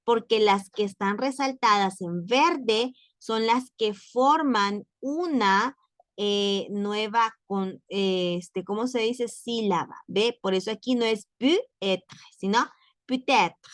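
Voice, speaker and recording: A woman teaching French pronunciation in an online lesson, slowly repeating each example word. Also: medium pitch, no echo. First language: Spanish.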